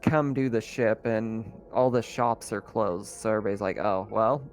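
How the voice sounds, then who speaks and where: A man with a lowish, darkish voice narrates a tabletop roleplaying game as game master, speaking at normal speed in a casual, conversational, improvised way with music underneath.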